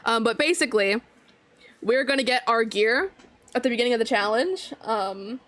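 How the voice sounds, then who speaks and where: Woman, fairly high voice, casual gaming commentary, chatty, filler-heavy. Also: lively intonation, moderate pace, fairly bright tone, no room sound. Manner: chatty, filler-heavy, laughs between phrases. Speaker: Minecraft server player.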